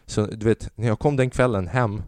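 A young man, a comedian, telling a story in a profane, animated casual rant, dropping in English phrases. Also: lowish voice, no room sound.

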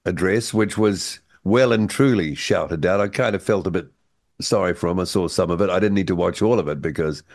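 A mature man with a New Zealand accent and a fairly low voice hosts a radio chat. He is informal and opinionated, talking casually. The sound is dry, with no room around it. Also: brisk, dry recording. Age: middle-aged or older. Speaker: breakfast radio host.

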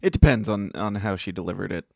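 A man's voice: on the low side, fast, vocal fry, dark tone, dry recording, studio quality. Jokey man co-hosting a news podcast. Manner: laughs often, jokey banter. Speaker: podcast co-host. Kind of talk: casual news chat.

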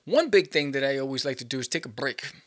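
A man hosting his own show, giving casual advice to viewers in a playful, animated way and often checking in with "right?". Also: medium pitch, quick pace. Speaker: podcast host and comic artist. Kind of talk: casual solo talk to viewers.

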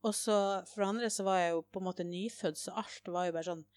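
Woman, casual chat, animated storytelling, dry close sound. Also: fairly low pitch, no room sound. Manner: animated storytelling, switches to English when quoting herself.

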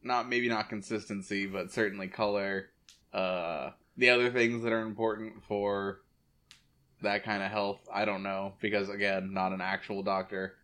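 A man's voice: fairly low pitch, little pitch movement, normal speed, pushed and bright. A man with a Boston accent co-hosting a podcast in casual, comedic banter, given to mock-dramatic exaggeration. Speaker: podcast co-host.

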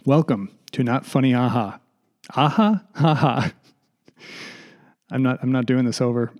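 A man's voice: mid-range voice, steady tone, a little fast, mellow. A man from the United States hosting a casual solo podcast from a home studio, rambling and self-deprecating, with many restarts, out of breath. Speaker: podcast host.

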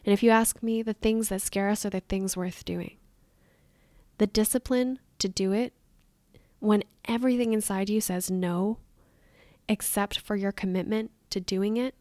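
A woman's voice: medium pitch, steady tone, measured pace, darkish tone, no echo. A woman hosting a motivational podcast as a weight loss coach, talking in an upbeat, encouraging way. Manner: upbeat and encouraging, with light laughs.

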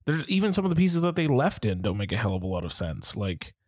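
Animated man, dry close sound. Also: fairly low pitch, fast talker, no echo. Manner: animated, swearing, rising into incredulous questions. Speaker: podcast co-host. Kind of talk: casual chat.

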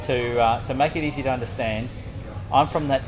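A podcast co-host reads out a guest's written answers and banters loosely, now and then dropping a swear word. His mid-range voice holds a steady tone and moves a little fast. Music plays underneath, with crowd noise too, on a low-quality recording.

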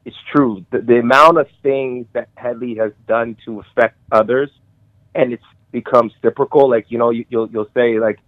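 A middle-aged man sharing memories of a friend on a call, halting with many restarts and emotional. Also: medium pitch, steady tone, no echo. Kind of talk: casual conversation. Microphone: call audio. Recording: tinny phone-like call audio.

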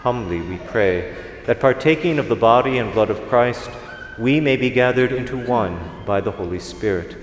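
Priest praying in a cathedral-like echo. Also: male voice, medium pitch, expressive. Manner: measured, formal phrasing. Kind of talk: solemn liturgical prayer recitation. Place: large reverberant church during Mass. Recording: echoey cathedral-like reverb, faint background noise.

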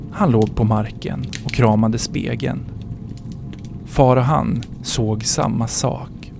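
A man hosting a podcast, narrating a story in a measured dramatic manner. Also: mid-range voice, gravelly.

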